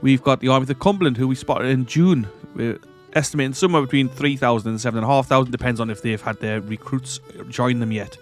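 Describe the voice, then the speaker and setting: A man with a cold-blocked nose talks fast at a medium pitch while casually commentating a strategy game as a let's-play host. He rambles, often corrects himself and chuckles, with soft music playing in the background.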